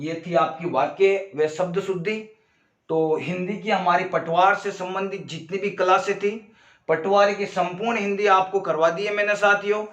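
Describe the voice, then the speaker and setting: High-voiced Hindi teacher in an echoey room. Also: male voice, a bit bright. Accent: Rajasthani Hindi. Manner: addresses viewers as साथियों, explains slowly with spoken examples. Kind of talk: exam-prep grammar lesson.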